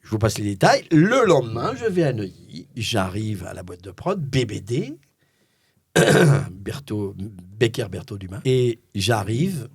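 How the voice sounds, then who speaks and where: A middle-aged French man, a voice-over artist, telling a story in an animated, theatrical way and acting out the dialogue. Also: fairly low pitch, a little slow, slightly rough, no room sound. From France.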